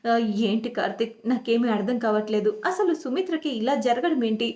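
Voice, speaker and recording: A woman's voice: a little high, lively intonation, fairly quick, darkish tone, muffled recording, close to an everyday voice. A woman voicing a shaken older father-in-law in a TV serial recap, insistently asking what is wrong. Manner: insistent, bewildered questioning. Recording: echoey room.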